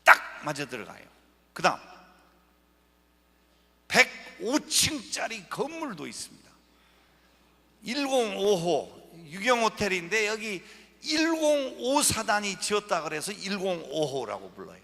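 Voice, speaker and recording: A man giving an animated lecture over slides, joking with the audience. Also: high-pitched, a little slow, vocal fry, long pauses. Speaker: guest lecturer. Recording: echoey lecture hall.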